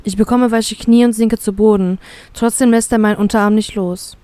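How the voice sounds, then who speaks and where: Brief: woman reader, first-person fanfiction audiobook, mellow, dry close sound. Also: mid-range voice, fairly even intonation, moderate pace, clean tone, dry recording.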